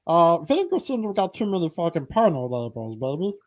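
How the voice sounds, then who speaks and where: A man doing an impression of a childlike, dopey cartoon meatball character, with a slow, goofy delivery and some swearing. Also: on the high side, big pitch swings, muffled recording.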